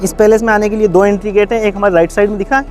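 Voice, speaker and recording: A quick-talking man leads a guided tour outdoors at an old palace. His voice sits high, and he lectures his visitors in a chatty way, with asides and questions. Faint music plays behind him. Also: fairly even intonation, darkish tone.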